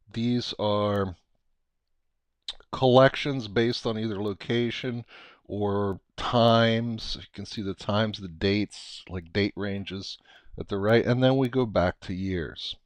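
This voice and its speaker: A middle-aged American man giving an unscripted, casual software walkthrough, thinking aloud haltingly as he explains. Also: fairly low pitch, steady tone, clean tone, no echo. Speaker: software tutorial presenter.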